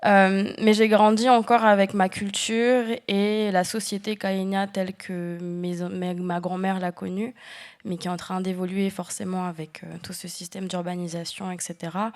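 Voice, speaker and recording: A woman's voice: mid-range voice, level tone, darkish tone. Earnest woman from French Guiana. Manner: earnest, halting with frequent restarts. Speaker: panel guest. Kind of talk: panel discussion talk.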